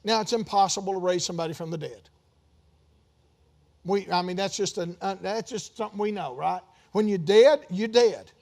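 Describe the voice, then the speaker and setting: A pastor preaching a sermon in a conversational way, with sudden emphatic bursts and joking asides. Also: male voice, sits high, brisk, creaky, pauses often.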